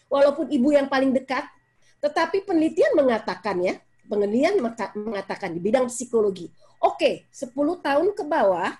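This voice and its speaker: Casting: middle-aged woman, high voice, expressive parenting guest speaker. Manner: expressive, acts out scolding parent in high voice, mixes English phrases. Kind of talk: animated talk-show explanation.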